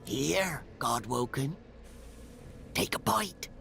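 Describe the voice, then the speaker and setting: A man's voice: medium pitch, very animated, very slow, creaky, sharp tone, slight background noise, exaggerated voice. A man playing a craven, scheming old undead dwarf skeleton in a fantasy video game, theatrical as he swings between frantic pleading and ominous intoning.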